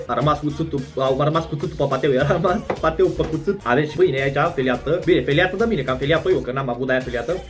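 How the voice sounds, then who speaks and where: A young man doing a casual food taste-test vlog at home, joking and exaggerating as he talks straight to his viewers. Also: on the high side. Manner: joking, exaggerated, slangy, addresses viewers directly. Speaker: vlogger. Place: at home indoors.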